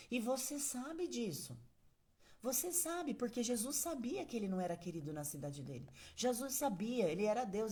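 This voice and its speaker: A woman's voice: on the high side, a little mellow. A woman with a Brazilian accent gives a morning devotional message and leads prayer in a conversational way, acting out casual, everyday prayers. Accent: Brazilian Portuguese. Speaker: preacher.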